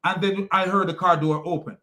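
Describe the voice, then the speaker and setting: The voice is high and steady, brisk and sharp in tone. It belongs to a Jamaican man hosting an online religious commentary video, where he rants with mockery and scorn, insults repeatedly, and rambles with frequent restarts.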